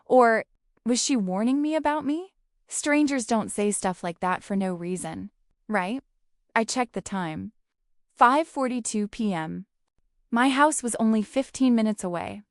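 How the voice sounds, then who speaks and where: A woman's voice: a little high, measured pace, no room sound, studio quality. A woman narrating a first-person story in a casual, slangy, conversational way.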